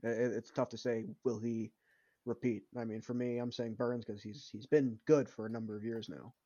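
A man co-hosting a casual sports podcast, lively and teasing with his friends. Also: medium pitch, moderate pace. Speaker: podcast co-host. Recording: slightly dull lo-fi sound.

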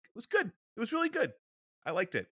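A man's voice: very high-pitched, huge pitch swings, a little fast, pushed and bright, breathy edge, dry recording, clean studio sound. A man co-hosting a podcast in casual chat, rambling with fillers and restarts. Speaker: podcast co-host.

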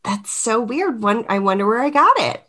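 A woman's voice: a little high, very animated, normal speed, bright, forceful tone. A woman co-hosting a casual podcast chat, reading out trivia prompts and laughing often. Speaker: podcast co-host. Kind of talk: casual chat quiz game.

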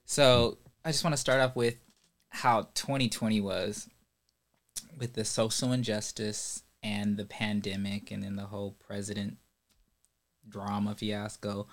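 A man hosting a podcast in a relaxed, chatty way, talking to a guest. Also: fairly low pitch, measured pace. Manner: relaxed, chatty, laughs easily. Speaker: podcast host. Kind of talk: casual podcast chat.

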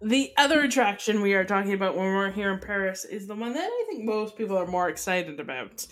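A woman's voice: medium pitch, very animated, fairly quick, fairly bright tone. Giggly Canadian woman podcast host. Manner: chatty, giggly, playful with French words. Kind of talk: casual chat.

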